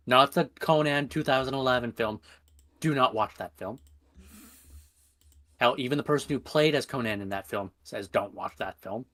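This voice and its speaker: A man's voice: mid-range voice, fairly bright tone, dry recording. A man on a casual voice chat who talks in an opinionated, emphatic way. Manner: opinionated, emphatic movie fan. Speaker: streamer.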